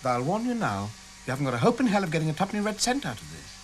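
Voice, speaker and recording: An actor playing a middle-aged, defensive legal adviser with formal, prickly phrasing in a television drama. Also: male voice, fairly high pitch, very animated, racing, slight background noise. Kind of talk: naturalistic television drama acting. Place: small office indoors.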